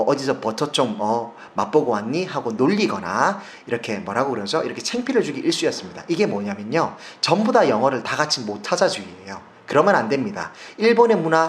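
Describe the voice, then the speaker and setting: A man from South Korea, in his forties, teaching English pronunciation in a video lesson, repeating sounds for drills with emphasis. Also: medium pitch.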